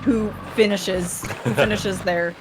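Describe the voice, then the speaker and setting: A woman's voice: mid-range voice, slow. Sweary, chatty woman over background noise. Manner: sweary, animated retelling with acted-out asides. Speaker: guest on a game stream. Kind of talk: casual chatty storytelling.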